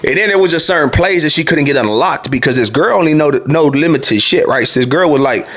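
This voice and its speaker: A man's voice: on the high side, lively intonation, quick pace, a bit bright. A man in his late twenties, a former truck driver, telling his own story in a loose, profane, casual monologue full of "you feel me.". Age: 20s.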